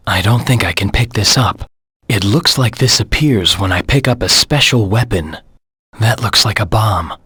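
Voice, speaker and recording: A man voicing a brooding, self-assured hedgehog anti-hero in a video game, with a raspy voice and a terse, serious delivery. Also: lowish voice, bright, forceful tone, no room sound, clean studio sound, heavily acted. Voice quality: raspy, gravelly. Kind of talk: video game hint voice lines.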